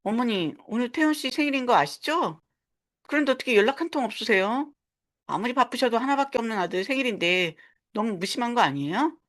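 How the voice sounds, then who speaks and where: A woman voicing a sharp-tongued young daughter-in-law who complains in a peevish, accusing way. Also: fairly high pitch, expressive, fairly quick, voice pushed up. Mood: angry.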